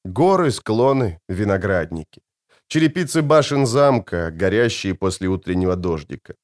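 Expressive male audiobook narrator. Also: fairly low pitch, moderate pace. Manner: expressive storytelling.

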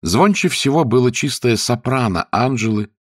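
A man narrating a story aloud in a lively, expressive reading style. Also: medium pitch, moderate pace, dry recording, clean studio sound. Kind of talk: audiobook narration.

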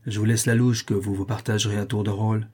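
Furtive guide in a storybook, brisk and hushed, read by a man. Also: lowish voice, flat delivery, breathy edge. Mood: reassuring. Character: secretive man guiding a hiding family.

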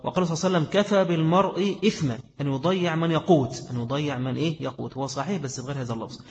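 A man's voice: a little high, rapid-fire, a little mellow, lo-fi sound. A man with an Egyptian accent giving a religious lesson, asking his listeners questions and answering them himself. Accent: Egyptian Arabic. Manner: acts out quoted voices in dialect. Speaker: preacher. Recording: long hall reverb.

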